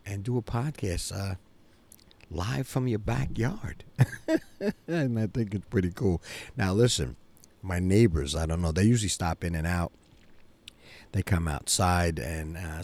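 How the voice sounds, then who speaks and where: A man's voice: low voice, a little mellow. A middle-aged man hosting a casual solo podcast outdoors in his backyard, rambling conversationally with frequent asides to listeners. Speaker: podcast host. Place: outdoors in a quiet home backyard.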